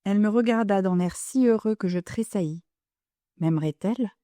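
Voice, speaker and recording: A woman narrating an audiobook in a measured, composed voice with a mellow, darker tone. The recording is dry and close to the mic, with no room sound. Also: mid-range voice, dry recording. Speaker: audiobook reader. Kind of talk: audiobook narration of a classic novel.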